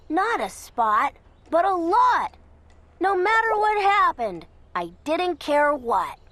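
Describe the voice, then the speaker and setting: Reading a children's picture book aloud, a woman with a very high voice goes slowly and dramatically, her pitch swinging expressively. Noise is clearly audible behind her.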